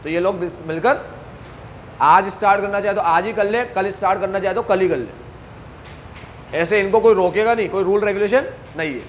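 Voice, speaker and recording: High-voiced man teaching a coaching class, drilling students with questions and answers. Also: normal speed, pauses often, a little hiss or hum. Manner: talks straight to students, asks questions and answers them himself. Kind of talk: classroom lecture.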